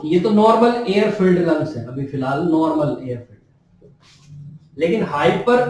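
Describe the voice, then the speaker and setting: High-voiced male teacher in an echoey room. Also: a little mellow. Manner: repeats key terms and asks the class questions. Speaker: nursing teacher. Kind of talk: classroom lecture. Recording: very echoey room, mic far off.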